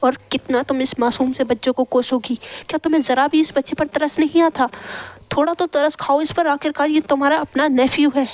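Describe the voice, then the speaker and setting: A woman's voice: high-pitched, steady tone, fairly quick, close to an everyday voice. A woman voicing a kind middle-aged father who speaks in a soothing, reassuring way in a story reading. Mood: firm. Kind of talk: storytelling role voice.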